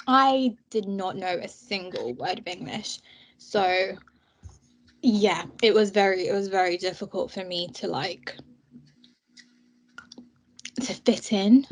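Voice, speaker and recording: A young Bangladeshi woman who is a student union president chats casually over snacks indoors in the student union room, laughing often as she tells her story. Her voice is medium-pitched, and the rough recording carries a little hiss or hum.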